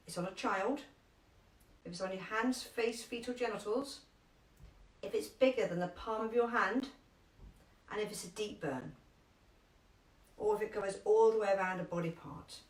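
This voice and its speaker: Female first aid instructor, London accent, chatty, stresses steps slowly; roomy, distant sound. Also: medium pitch. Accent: London English. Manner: chatty, emphatic, repeats key instructions slowly. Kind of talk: live online first aid class. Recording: echoey room, distant from mic.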